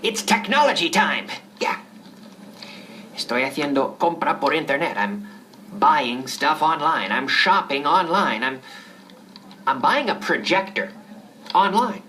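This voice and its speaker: An eager, excited man talks himself into buying a projector, repeating his joy over and over, as a woman puts him on. His voice sits low, slow and unhurried, swinging widely in pitch. It's a role-play from an English lesson. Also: a little hiss or hum, full character voice. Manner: eager, repetitive, drawn-out.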